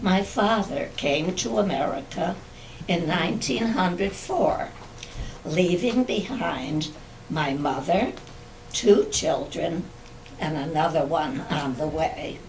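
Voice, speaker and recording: An older woman recites her own verse in a slow, measured way, her voice sitting a little low. She is caught from some distance by the mic. A faint hum of the room stays underneath. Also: lively intonation. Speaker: guest poet. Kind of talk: reading her own poems aloud. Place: community club room.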